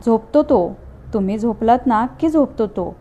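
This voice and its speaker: A woman voicing a caring young woman neighbor, an older-sister type, in a storybook reading, gentle and coaxing. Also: on the high side, lively intonation, normal speed.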